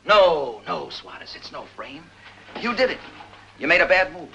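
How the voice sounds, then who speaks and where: An actor playing a tough, blunt police captain in a 1950s film, talking in a clipped, forceful way. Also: male voice, on the high side, very animated, normal speed, slight background noise, heavily acted. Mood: hard, pressing. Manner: clipped, forceful, hard-nosed interrogating. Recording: dull lo-fi 1950s film audio.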